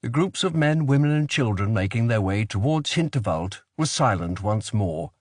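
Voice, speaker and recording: A man giving a steady, measured scripted narration of a thriller audiobook. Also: fairly low pitch, no echo, clean studio sound.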